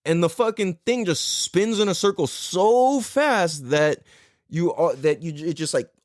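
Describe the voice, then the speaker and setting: A man's voice: high voice, expressive, measured pace, no room sound, studio quality. A man from the United States in his thirties, hosting a podcast and telling a long story in a rambling, profane way, laughing often. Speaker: podcast host. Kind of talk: casual storytelling monologue.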